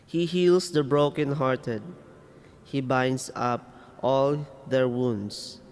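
Male church lector, solemn and measured, unhurried mid-pitched reading, long cathedral echo. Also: a little mellow, smooth. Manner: measured, reverent, phrase-by-phrase delivery. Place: inside a church.

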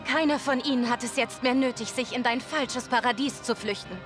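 An actress playing a steadfast young fantasy heroine in a video game, speaking with solemn, earnest resolve. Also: female voice, a little high, brisk, over music, natural voice. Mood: earnest, defiant. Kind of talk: dramatic video game acting.

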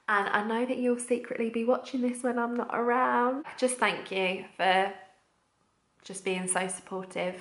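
A young woman talking to her vlog camera in a chatty, excited and heartfelt way. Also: mid-range voice, reverberant. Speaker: vlogger.

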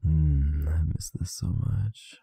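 In an ASMR boyfriend roleplay, a male performer uses an extremely deep, gravelly, dark and husky voice to murmur slowly into a close mic, soft, intimate and affectionate while sounding tired. No room sound surrounds the dry recording.

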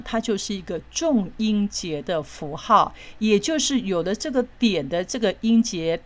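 A woman with a Taiwanese Mandarin accent teaching English pronunciation, patient and repetitive, drawing out example words slowly. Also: mid-range voice. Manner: patient, repeats words slowly, ends lines with "哦". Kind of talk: phonics lesson.

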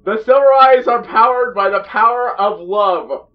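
Excitable young man reacting at home. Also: high voice, unhurried, far from the mic, lo-fi sound. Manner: excitable, loud outbursts, restarts mid-sentence. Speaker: reaction video host. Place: small indoor room at home. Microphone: headset.

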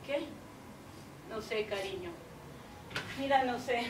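A woman's voice: a little high, slow pace. Actress as a heartbroken woman on the phone. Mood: resigned. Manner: emotional, swings between tender pleading and desperate outbursts. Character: heartbroken woman pleading with her departing lover by phone. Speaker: stage actress. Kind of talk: stage monologue acting. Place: theater stage. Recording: echoey stage from far off, audible noise.

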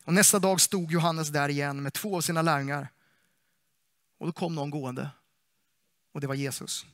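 Bright-voiced, playful Swedish-speaking preacher man. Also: a little high, no room sound, studio quality. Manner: lively, playful, asks the congregation questions. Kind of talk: sermon. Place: church.

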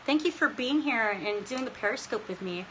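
A woman in her late thirties talks to fans on a phone livestream from a small room, earnest and openly emotional. Her voice is bright and slightly high. A faint noise sits under the close phone mic. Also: lively intonation, moderate pace, highs cut off. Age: 30s. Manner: emotional and earnest, laughing often, near tears. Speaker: livestream host answering fans. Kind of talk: casual livestream Q&A. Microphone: phone held close, front-facing.

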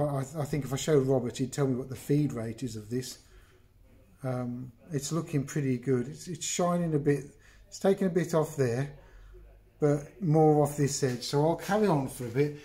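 In a mellow voice of medium pitch, a middle-aged Englishman hosts a casual woodworking video from his workshop. He rambles, chats, breaks off mid-thought and addresses the viewer, with a phone camera on the bench that gets moved around.

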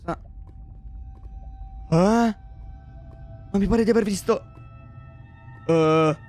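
A man in a Minecraft role-play, playing a father, talking in an excitable, flustered way full of exclamations. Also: sits high, takes it slowly, faint music behind.

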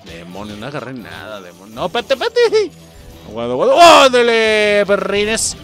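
A young Mexican man giving excited, swearing gameplay commentary and talking straight to his viewers. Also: medium pitch, quick pace, soft background music. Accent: Mexican Spanish. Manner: animated, swears often, keeps addressing viewers as "muchachos". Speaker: gameplay streamer.

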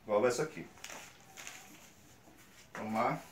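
A man in his thirties with a Brazilian Portuguese accent hosts a screen printing channel, patiently demonstrating the process step by step in a small workshop. His voice is lowish and his pace measured. The casual how-to was captured by a tripod-mounted camera a few meters off, so the sound is roomy and distant with faint noise.

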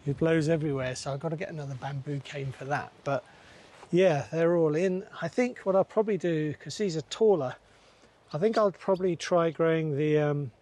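Chatting as he tends his plot, a gardener who runs a channel thinks aloud in an easygoing manner, peppered with fillers. His voice is on the high side and a little mellow, at a normal speed.

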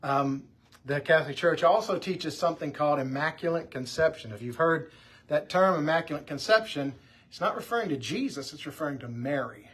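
A pastor talks through scripture in an easygoing, chatty teaching style, doubling back and restarting his sentences as he goes. His voice is husky and sits a touch high for a man. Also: animated, brisk, fairly bright tone. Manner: conversational, with frequent restarts and fillers. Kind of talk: casual Bible teaching.

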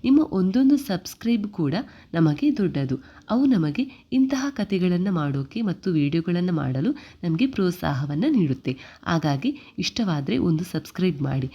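Woman storyteller, thirties, calm steady reading, low mellow voice, slightly muffled recording. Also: normal speed, slightly rough. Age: 30s. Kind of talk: scripted story narration.

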